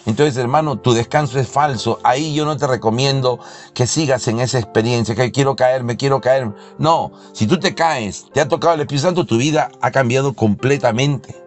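A man's voice: medium pitch, brisk. Fervent male preacher, faint music. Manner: fervent, rising to loud exclamations. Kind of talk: sermon.

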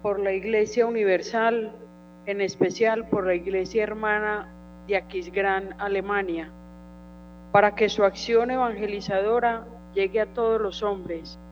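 A woman's voice: medium pitch, a little mellow. Woman reading prayer petitions, muffled humming recording. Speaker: reader of intercessions at Mass. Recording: dull lo-fi sound with mains hum.

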